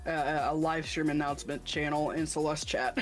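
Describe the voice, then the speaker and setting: A woman's voice: low-pitched, level tone, moderate pace, soft background music. Easygoing woman chatting on a stream. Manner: easygoing, fills with "uh". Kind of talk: casual chat.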